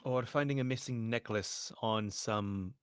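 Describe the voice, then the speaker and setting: A man's voice: on the low side, measured pace, clear, resonant tone, no echo, clean studio sound. Hesitant man player at a game table. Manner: hesitant, trails off while thinking. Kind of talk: casual tabletop game chat.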